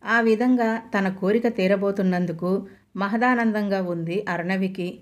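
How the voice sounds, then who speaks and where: A woman's voice: mid-range voice, moderate pace. A woman narrating a family story as an audiobook reader, voicing the dialogue expressively.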